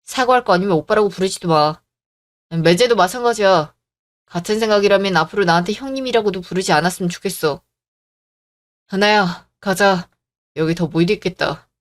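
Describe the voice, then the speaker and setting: A man's voice: sits high, brisk, lightly acted. A performer voicing an angry older brother who scolds his sister to defend his wife, in a radio drama. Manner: stern, scolding.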